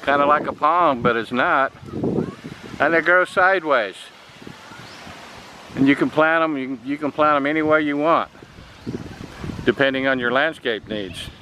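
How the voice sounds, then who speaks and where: A man's voice: fairly high pitch, normal speed, long pauses, muffled recording. An older American man chatting casually as he walks a tropical garden with a handheld camera, pointing things out. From United States. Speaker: travel vlogger. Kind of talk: casual travel commentary. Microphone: camera mic, handheld. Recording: outdoor noise on camera mic.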